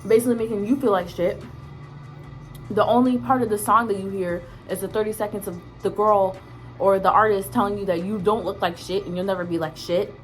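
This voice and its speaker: A woman's voice: mid-range voice, steady tone, brisk, soft background music, low-quality recording. A woman vlogger chatting casually and emphatically to her viewers, in slangy language with swearing and repeated words for emphasis. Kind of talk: casual opinionated chat to viewers.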